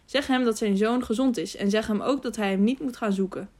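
A woman's voice: fairly high pitch, fairly quick, a little mellow, lightly acted. A woman reading an audiobook, voicing an earnest, cautious young squire who pleads for help. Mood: urgent.

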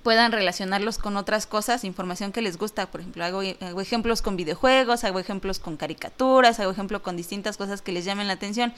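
A woman's voice: medium pitch, fast, few pauses, a bit bright. A woman with a Mexican accent hosting an online talk show, chatting casually and jokingly as she reads out listener comments. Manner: chatty and joking, lots of fillers and laughter.

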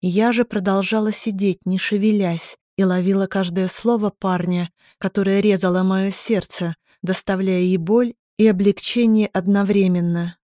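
Female audiobook narrator and author, mellow, dry studio sound, steady storytelling. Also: mid-range voice, moderate pace, hardly any pauses, dry recording. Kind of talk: first-person audiobook narration.

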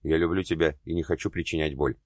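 A man's voice: rumbling low, fairly even intonation, fast talker, dry recording, studio quality. A man voicing an adult man who is hurt and jealous but still loves his partner, speaking bitterly and pleadingly in an audiobook. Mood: tender.

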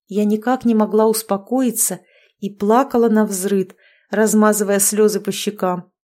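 A woman's voice: medium pitch, fairly even intonation, normal speed, mellow. A woman reading a first-person fantasy novel aloud as an audiobook narrator, telling it expressively.

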